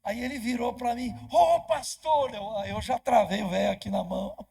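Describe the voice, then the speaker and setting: A man's voice: high voice, fairly even intonation, a little fast, creaky, a little mellow, breathy edge. A man with a Brazilian Portuguese accent, a pastor telling a story in a sermon and acting out the dialogue as he goes. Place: church.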